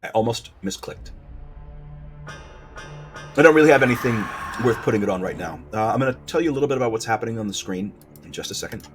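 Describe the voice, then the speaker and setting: A man's voice: mid-range voice, animated, a little fast, pauses often, soft background music. A man doing casual let's play commentary, explaining his strategy card by card, with fillers and self-corrections along the way. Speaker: gameplay commentator.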